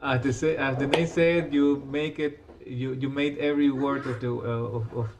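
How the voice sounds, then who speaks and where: A man hosting a podcast interview from his home, speaking haltingly with many restarts, over a remote call. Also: mid-range voice, steady tone, noisy background. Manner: halting, restarts often, warm praise. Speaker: podcast host. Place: home with family nearby. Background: faint household sounds.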